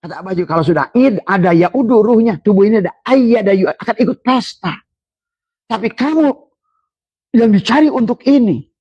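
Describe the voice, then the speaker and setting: A man preaching an Islamic sermon in a lively way, often rising high in pitch for emphasis and chanting Arabic verses slowly. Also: slightly rough, dry recording, muffled recording.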